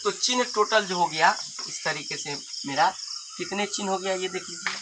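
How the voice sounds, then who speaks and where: A man teaching a grammar lesson, explaining slowly and pointing at symbols one by one. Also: sits high. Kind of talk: Hindi grammar lesson at a board. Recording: noisy background with insects.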